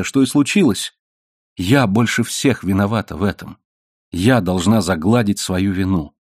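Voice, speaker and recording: A man's voice: medium pitch, a little mellow, dry recording, clean studio sound, lightly acted. A man reading an earnest, pleading young noblewoman. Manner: earnest, imploring.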